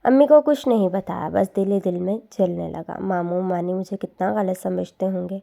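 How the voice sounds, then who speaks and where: A woman narrating a dramatic story in a steady, earnest scripted reading. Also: lowish voice, gravelly.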